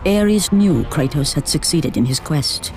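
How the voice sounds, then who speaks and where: A woman giving dramatic scripted narration of a mythic tragedy in a video game, grave, measured and portentous. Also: deep voice, lively intonation. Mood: solemn. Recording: loud music behind. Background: music.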